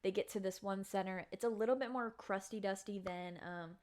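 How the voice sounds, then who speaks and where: A woman's voice: mid-range voice, fairly quick, clean tone. A woman talking casually to her camera in a chatty, slangy spoiler review of a book. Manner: chatty, slangy, animated storytelling. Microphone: camera mic.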